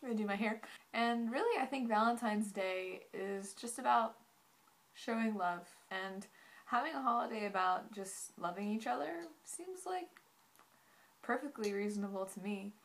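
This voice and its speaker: Young woman chatting casually, medium pitch. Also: moderate pace. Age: 20s. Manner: informal, rambling, peppered with "like". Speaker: vlogger. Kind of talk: casual chat to camera. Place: small living room indoors.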